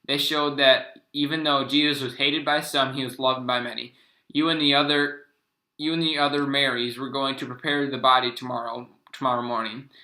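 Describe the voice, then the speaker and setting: A man's voice: medium pitch, sharp tone, reverberant, rough recording. A young man giving a class presentation, reading his written pieces aloud and stumbling over words with restarts.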